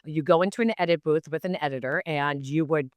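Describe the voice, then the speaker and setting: A woman in her fifties with a low, smooth voice tells long, animated stories. She loops back on herself with plenty of fillers and restarts. The studio sound is dry and close. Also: fairly quick, dry recording. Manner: animated, rambling with many fillers. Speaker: sports broadcaster, podcast guest. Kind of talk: casual anecdotal storytelling.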